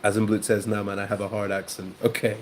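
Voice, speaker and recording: A man hosting a live stream, chatting casually with viewers in a relaxed way, with frequent ums and soft laughs. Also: lowish voice, fast talker, slight background noise. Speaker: host of a live watchalong stream.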